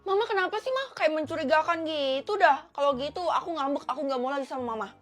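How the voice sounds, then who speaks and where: A woman's voice: high voice, lively intonation, fast talker, soft background music. A woman voicing a cheeky young girl in a doll story, whiny and teasing. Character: young girl who hears thoughts, cheeky.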